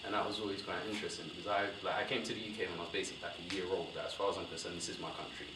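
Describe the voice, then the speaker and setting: Young man, panel speaker, animated, self-correcting, distant mic, roomy hall. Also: low-pitched, racing, background noise. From born in Somalia, raised in West London. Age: young adult. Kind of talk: panel discussion talk. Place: university lecture room.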